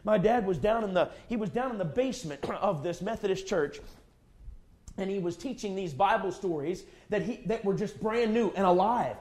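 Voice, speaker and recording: A man's voice: high voice, normal speed, a little mellow. A man in his forties preaching a fervent, emphatic sermon full of repetition. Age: 40s.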